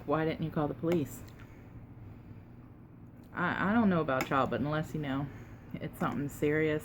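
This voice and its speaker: A woman tells a casual, unhurried story while eating, pausing to chew and sometimes talking with her mouth full, with emphatic retelling. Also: low-pitched, vocal fry, noisy background. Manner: unhurried, conversational, emphatic retelling with quoted exchanges. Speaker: mukbang vlogger.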